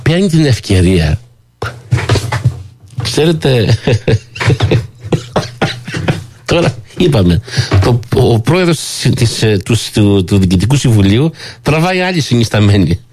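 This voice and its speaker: A man hosting a talk show who tells a story with animated commentary and acts out the people he quotes in a higher voice. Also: long pauses, noisy background. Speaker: radio show host.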